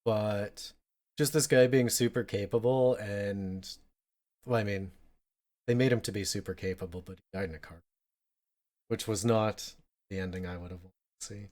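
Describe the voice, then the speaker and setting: A man with a fairly low voice talks casually about a movie on a podcast. His talk is loose and rambling, full of "like" and "uh". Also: steady tone, normal speed, pauses often, a little mellow. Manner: loose and rambling, frequent fillers, bursts of laughter. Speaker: podcast co-host. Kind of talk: casual film discussion.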